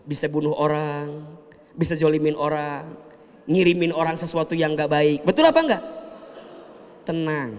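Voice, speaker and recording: Guy preaching, higher voice, keeps quizzing the crowd, echo from the hall. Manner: chatty, asks the audience questions, acts out little scenes. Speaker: Islamic preacher. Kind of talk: humorous sermon. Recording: echoey hall reverb.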